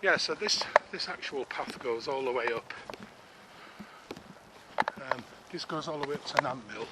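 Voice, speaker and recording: A man's voice: mid-range voice, normal speed. A middle-aged man narrating a casual walking vlog in a chatty, self-deprecating, rambling way, slightly out of breath, recorded on a camera mic. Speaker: vlogger. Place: outdoors on a woodland walk. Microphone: camera-mounted mic while walking. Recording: outdoor noise and clicking.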